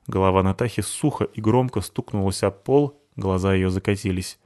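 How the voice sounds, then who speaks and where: A man's voice: low voice, moderate pace, darkish tone. A man narrating a first-person audiobook in a dry, wry manner.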